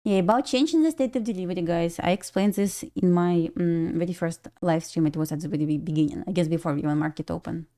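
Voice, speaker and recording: Speaking fast with few pauses, a woman from Belarus runs a live day-trading stream, thinking out loud and answering chat in a casual way. She has a Russian accent and a warm, rather low voice.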